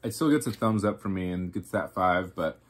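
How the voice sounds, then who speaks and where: A man with a low, husky voice gives a casual snack review. He rambles and halts, restarting his sentences and mumbling as he works out his opinion. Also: a little fast. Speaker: co-host tasting food.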